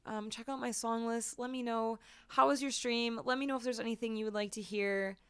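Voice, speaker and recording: High-pitched, cutely gushing Canadian woman streamer. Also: fairly even intonation, brisk, a bit bright, smooth. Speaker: music streamer. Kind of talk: casual livestream chat with viewers.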